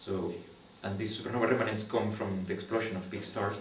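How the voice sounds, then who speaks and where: A PhD student in astronomy, young and from Guatemala, walks an interviewer through his research. His English, a second language, comes haltingly and thoughtfully, with many pauses, fillers, and false starts, in a lowish voice with a steady tone. The recording is distant and roomy, with a faint hum of background noise.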